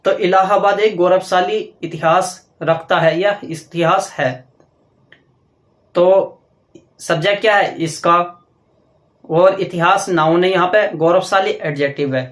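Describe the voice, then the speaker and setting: A man teaching a grammar lesson, explaining step by step and dictating slowly while he writes on a board, often asking questions and answering them himself. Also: high-pitched, a bit bright, roomy sound. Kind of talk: classroom grammar lecture.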